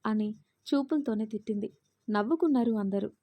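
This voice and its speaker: A woman narrating a family drama story in a steady, expressive way. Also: fairly high pitch, brisk, lo-fi sound.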